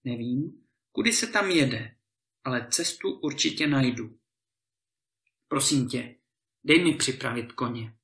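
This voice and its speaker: A man's voice: mid-range voice, pauses often, lightly acted. A man doing a bold, cheerful young hero. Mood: eager. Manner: lively, eager. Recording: roomy echo.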